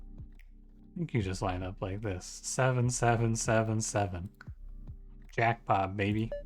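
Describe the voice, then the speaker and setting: A man giving casual strategy game commentary, thinking aloud in a musing, conversational way and often correcting himself. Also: on the low side. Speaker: gaming streamer.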